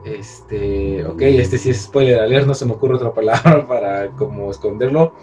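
Young mexican guy chatting about a show, laughs a lot, mid pitch, bit of hiss. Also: moderate pace, warm tone. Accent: Mexican Spanish. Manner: slangy, laughs often, restarts. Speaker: co-host reviewing a series. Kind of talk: casual chat.

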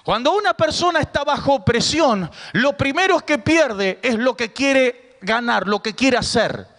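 A man's voice: very high-pitched, expressive, a little slow, fairly bright tone. A man with an Argentine accent preaching a sermon as pastor, emphatic and getting the congregation to repeat words after him. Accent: Argentine Spanish. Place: large church hall. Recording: reverberant church hall.

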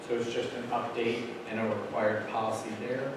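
A middle-aged man with a mid-range voice speaks at a normal speed in a level tone. He's a school administrator at a podium, casually explaining policy updates to a school board with lots of fillers. A distant room mic picks him up from across a large, very echoey meeting room, and the recording is noisy.

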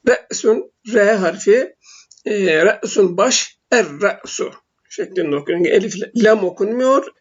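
Halting male Arabic teacher, lo-fi. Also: sits high, slightly rough. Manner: slow, halting, frequent filler sounds while explaining. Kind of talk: recorded language lesson. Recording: dull lo-fi recording.

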